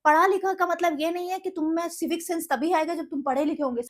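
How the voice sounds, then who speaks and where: A woman's voice: very high voice, fairly even intonation, quick pace. A young woman retelling an argument in a storytime vlog, emphatic and indignant, slipping English words into her speech. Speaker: vlogger.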